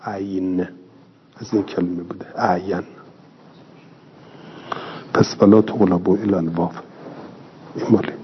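A man gives a classroom lecture, explaining step by step and answering his own questions. His low voice keeps a steady tone and pauses often. The dull lo-fi recording was made in a reverberant hall and carries a little hiss or hum.

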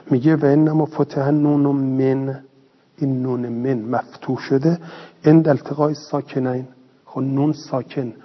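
A man teaching a lesson who reads a phrase slowly, then explains it quickly in plain speech, asking and answering his own questions. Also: medium pitch, breathy edge. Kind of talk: classroom lesson reading and explaining a text. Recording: lo-fi recording with long reverb.

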